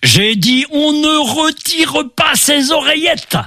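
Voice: high-pitched, very animated, slow pace, pushed and bright, no room sound, studio quality, soft background music, full character voice. A performer playing a tormented sea captain tied to the mast, pleading in desperate outbursts in an amateur radio play. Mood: annoyed.

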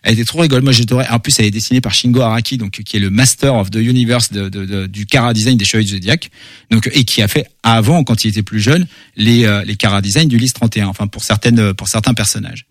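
A man's voice: on the low side, fast talker, dry recording, studio quality. A man, a comic book author, chatting casually in an interview with lots of fillers and repeated words.

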